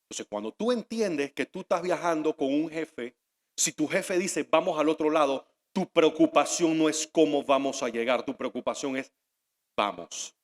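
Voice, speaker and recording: A male pastor preaching a sermon, swinging from hushed asides to loud outbursts. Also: on the high side, normal speed. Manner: animated, shifting between shouts and hushed asides. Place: church hall. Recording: long reverb of a large hall.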